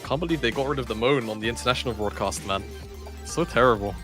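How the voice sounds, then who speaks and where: A man's voice: medium pitch, very fast, music in the background. A man, co-hosting a livestream and chatting casually with viewers. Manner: chatty, swearing, laughs often. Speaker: stream co-caster.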